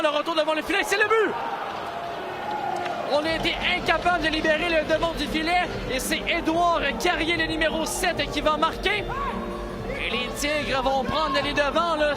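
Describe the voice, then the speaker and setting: A man with a Quebec French accent giving excited play-by-play hockey commentary over a loud arena crowd and music. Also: very high-pitched. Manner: rapid play calls rising to shouted goal calls.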